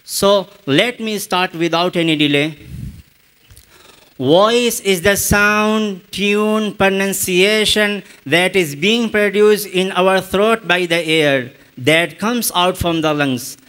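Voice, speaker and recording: A man with an Indian English accent, teaching a spoken English lesson with slow, deliberate explanations and repeated examples. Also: high-pitched, a bit bright, clean tone.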